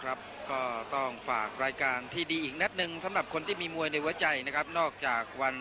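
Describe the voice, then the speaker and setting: A man's voice: on the high side, fairly quick, noisy background. A Thai man working as a co-commentator, giving live boxing commentary and event announcements. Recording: loud music over the voice. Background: loud fight music.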